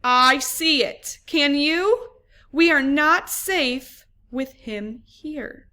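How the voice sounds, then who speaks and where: A woman voicing an alert young vervet monkey lookout who whispers warnings and yells alarm calls while reading a storybook aloud. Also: sits high, expressive, very slow, voice pushed up, exaggerated voice. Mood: urgent.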